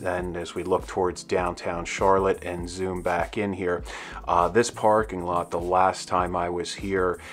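Low-voiced man narrating a walk outdoors. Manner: chatty, gives shout-outs, loose and rambling. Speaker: dead mall video host. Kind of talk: walking tour commentary. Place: outdoors in an empty parking lot of a closed strip mall. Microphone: handheld camera, filming as he walks.

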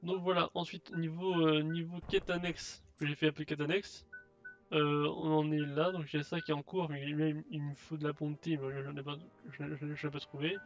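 Un homme qui commente sa partie de jeu vidéo de façon décontractée, en hésitant beaucoup. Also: male voice, on the high side, level tone, moderate pace. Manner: hesitant, many fillers and restarts. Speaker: gamer. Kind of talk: casual let's play commentary. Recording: dull lo-fi sound, faint game music.

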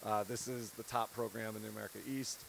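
A fast-talking man with a fairly low, level, slightly bright voice and some vocal fry is heard in a rough recording with slight background noise. He's a head basketball coach in his thirties giving an earnest, candid post-game interview on a handheld mic at a courtside set in an empty arena, laughing between points.

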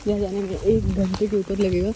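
A woman in her thirties talks through her day in a relaxed travel vlog, explaining plans straight to the viewer. She records outdoors on a phone held at arm's length, with the wind and open-air noise clearly heard behind her voice. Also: medium pitch, brisk, poor audio. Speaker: vlogger. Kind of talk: casual travel vlog narration. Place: outdoors in a windy town and lakeside. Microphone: phone camera held at arm's length.

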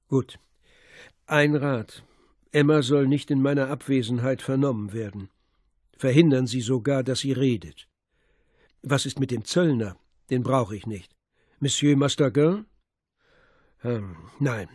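A man voicing a commanding middle-aged police commissioner in an audiobook, brisk and assured as he gives orders. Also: mid-range voice, a little mellow, breathy edge, dry recording, studio quality. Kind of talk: audiobook character voice.

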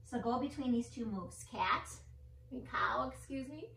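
A woman's voice: on the high side, expressive, measured pace, vocal fry, a bit bright, reverberant, far from the mic, slight background noise, poor audio. A woman leading a family yoga class, calling out step-by-step cues and countdowns in an encouraging, playful way. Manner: playful with her child. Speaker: yoga instructor. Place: indoor room with a mirror and mat or carpet.

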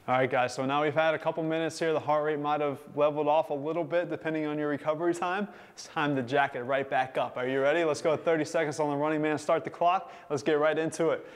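A young man with a somewhat high voice coaches a workout class. He keeps up steady encouragement, urging people on and counting down the seconds. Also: quick pace, few pauses. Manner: upbeat, encouraging, counting down time. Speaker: fitness instructor.

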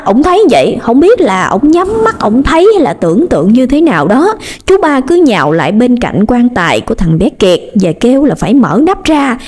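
A young woman with a Southern Vietnamese accent, narrating a ghost story with dramatic, lively delivery. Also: sits high.

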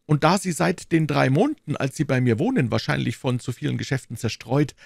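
A man voicing an anxious, fussy middle-aged landlord in an audiobook, in a high, strained, wordy and timid voice. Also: fairly quick, vocal fry, dry recording, clean studio sound. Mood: fretful. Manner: wordy, timid, eager to please. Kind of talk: audiobook reading.

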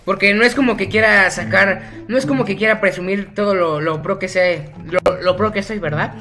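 A man's voice: sits high, moderate pace, pushed and bright, faint music behind. A teenage boy with a Mexican accent, chatting casually over his gameplay in a rambling, jokey way that keeps correcting itself. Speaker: gaming YouTuber.

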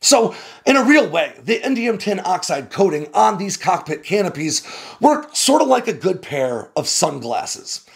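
A man in his forties hosting a defense news explainer, reading a script with a lively, conversational delivery from a small home studio. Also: sits high, measured pace, vocal fry. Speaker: host of a defense news channel.

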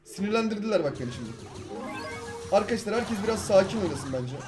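Young man, gameplay commentary, high voice, excitable and slangy, music in the background. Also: quick pace. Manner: excitable, slangy, swings between calm and frustrated outbursts. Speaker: gaming YouTuber.

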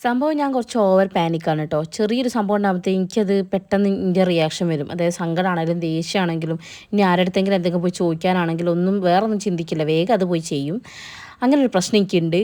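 A woman's voice: on the low side, rapid-fire, dark tone. A young woman narrating her own vlog in a chatty, casual voice-over, talking straight to her viewers. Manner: chatty, addresses viewers directly. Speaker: vlogger narrating.

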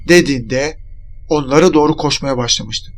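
A man's voice: medium pitch, normal speed, faint music behind. A man narrating a scripted horror story in a dramatic first-person reading.

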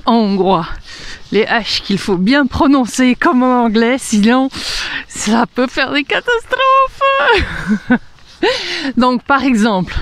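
A woman with a Hungarian accent teaches a language lesson in a high, somewhat bright voice, recorded dry. She drills pronunciation slowly, repeating words one at a time with occasional light laughter.

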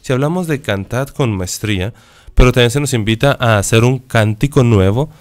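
A man's voice: mid-range voice, moderate pace. A man, a priest on a radio program, reading a text aloud and explaining it. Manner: reads a passage aloud, then explains it. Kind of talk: teaching commentary on a reading. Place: radio studio.

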